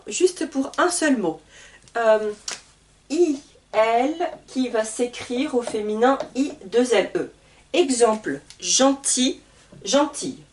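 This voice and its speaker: Woman teacher, clear grammar lesson, unhurried, spells things out, voice a little far from the mic. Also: fairly high pitch, darkish tone, a little hiss or hum. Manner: slow, spells out letters and repeats word pairs. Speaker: French teacher.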